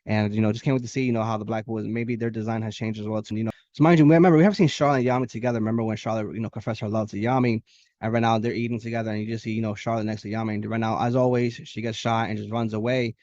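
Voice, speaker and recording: A man casually recapping an anime chapter as a channel host, chatty and full of fillers, now and then putting on excited voices for the characters. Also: fairly low pitch, muffled recording. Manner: fast, chatty, filler-heavy retelling with playful voice impressions. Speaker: anime reviewer.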